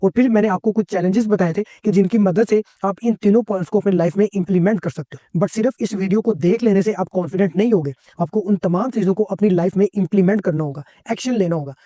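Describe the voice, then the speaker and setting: A man's voice: sits high, fast, hardly any pauses, mellow, dry recording, studio quality. A man gives a motivational self-help talk as a content creator, explaining step by step and mixing in English phrases. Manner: instructive, mixes English phrases into Urdu.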